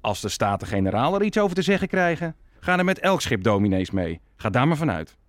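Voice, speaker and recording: An actor playing an ambitious, calculating prince in a historical radio play, persuasive and commanding. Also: male voice, medium pitch, very animated, a little fast, dry recording, clean studio sound, close to an everyday voice. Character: scheming Dutch prince, ambitious and calculating statesman. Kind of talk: audio drama acting.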